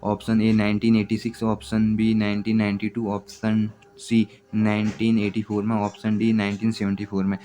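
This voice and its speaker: A man teaching exam preparation, reading out multiple-choice questions and their answers in a steady, repetitive way. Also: lowish voice, normal speed.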